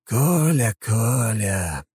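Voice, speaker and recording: A man's voice: on the low side, sing-song, slow pace, breathy edge, no room sound, voice pushed up, full character voice. Man putting on a gloating puppet-master spirit. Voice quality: oily, mocking.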